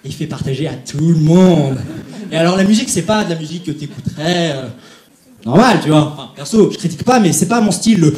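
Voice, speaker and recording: A man's voice: a little high, expressive, fast, darkish tone. A young man doing a stand-up comedy set on a theatre stage, chatting straight to the audience. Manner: chatty, addresses the audience directly. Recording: echoey theatre.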